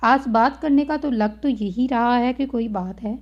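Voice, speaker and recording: A woman reading the lines of a calm, caring young woman friend in a storybook novel. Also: fairly high pitch, measured pace. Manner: calm, even-tempered. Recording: dull lo-fi audio.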